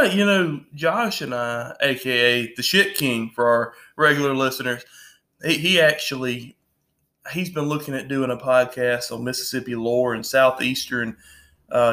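This podcast co-host has a mid-range voice with a sharp tone. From his home bar he keeps the casual conversation going with jokes, long-winded stories and plenty of laughter.

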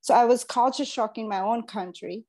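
A woman from Sri Lanka, a guest telling her life story in a relaxed, rambling way with many restarts. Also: a little high, normal speed. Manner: rambling, with frequent restarts and ums. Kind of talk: casual interview storytelling.

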